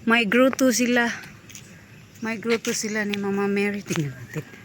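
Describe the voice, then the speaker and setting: A woman's voice: medium pitch, moderate pace, noisy background. A woman from the Philippines with a Cebuano accent, out of breath and chatty, exclaiming at sights as she walks uphill filming a vlog outdoors on a phone. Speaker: vlogger. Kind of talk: casual walking vlog. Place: outdoors on a hillside path.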